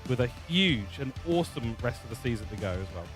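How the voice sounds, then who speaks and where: A man's voice: medium pitch, animated, quick pace, faint music behind. Chatty New commentator man. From New Zealand. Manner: chatty, jokey, many fillers. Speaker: race commentator. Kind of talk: sim racing broadcast sign-off.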